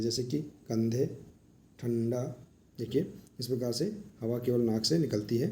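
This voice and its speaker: Mellow-voiced man teaching a lesson. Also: mid-range voice. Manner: explains patiently, often saying "देखिए" while pointing to examples. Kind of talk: workbook lesson walkthrough.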